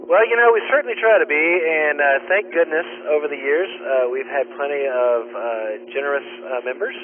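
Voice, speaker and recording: A man hosting the net, his voice sitting a little high, coming through a thin, phone-like ham radio signal. Loud static runs under his words as he chats warmly and teasingly, stumbling over fillers. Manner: friendly, teasing, halting with fillers. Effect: ham radio transmission with static. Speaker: net control host. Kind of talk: casual radio chat.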